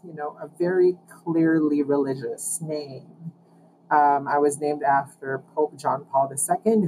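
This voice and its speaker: A man in his thirties from the Philippines, a professor speaking as a podcast guest, answering in a measured, reflective way over a remote line. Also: a little high, low-quality recording. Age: 30s. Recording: steady background noise.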